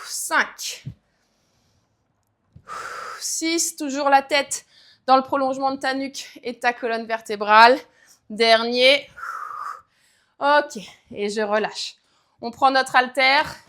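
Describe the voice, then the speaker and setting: A woman's voice: high-pitched, slow pace, long pauses, fairly bright tone. A woman leading a guided leg workout, counting reps and cueing form as she exercises. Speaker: fitness coach.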